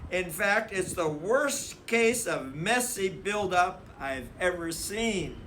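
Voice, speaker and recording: Male reader as storybook papa bear: firm but fair, emphatic, raised and forceful, measured pace. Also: high-pitched, expressive, a little hiss or hum, voice pushed up, exaggerated voice. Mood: stern, exasperated. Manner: emphatic, lecturing.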